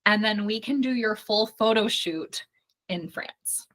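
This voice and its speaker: A bright-voiced woman wraps up a live online workshop she is hosting. She talks effusively and reassuringly, addressing the viewers directly. The sound has the feel of a video call mic. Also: medium pitch, measured pace. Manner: effusive, affirming, talks straight to the audience. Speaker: workshop host and studio founder.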